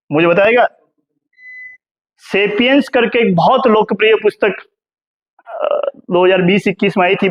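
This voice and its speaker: Man, high pitch, from India, middle-aged, history professor, classroom lecture, questions the students, keeps adding "hai na". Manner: asks the class questions and answers them himself.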